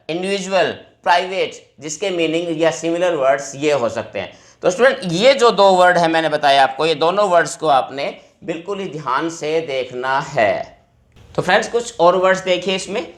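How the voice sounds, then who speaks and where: A male teacher explaining vocabulary words to exam students, repeating each word slowly. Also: high-pitched, a bit bright.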